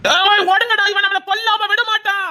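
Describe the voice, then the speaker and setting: A woman voicing a gang of bullying male college students in an audio drama, shouting taunts and orders. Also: high voice, lively intonation, moderate pace, voice pushed up. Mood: panicked. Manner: jeering, barking orders, loud. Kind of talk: Tamil audio drama acting.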